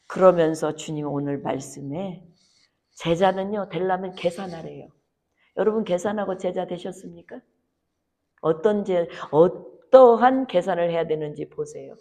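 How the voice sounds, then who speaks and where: Woman preacher, sermon in church; hushed asides that surge into loud impassioned appeals. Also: measured pace. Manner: rises to loud, high impassioned pleading, drops to near whisper. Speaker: pastor. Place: church sanctuary.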